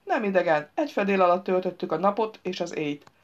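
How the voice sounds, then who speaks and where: A woman reading the lines of a grumpy, wisecracking man in a toga, with a dry, deadpan delivery, on a dull lo-fi recording. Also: fairly low pitch, close to an everyday voice. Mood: grumbling deadpan.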